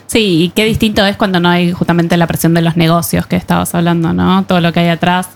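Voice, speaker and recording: A woman hosting a casual panel chat, lively and jokey. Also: lowish voice, fast, vocal fry. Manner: lively, jokey, laughs easily.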